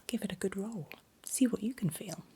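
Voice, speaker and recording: A middle-aged woman whispers breathily at a moderate pace, acting as a doctor who gives close, personal care in a gentle ASMR exam roleplay. Her pitch is medium, and there's slight background noise.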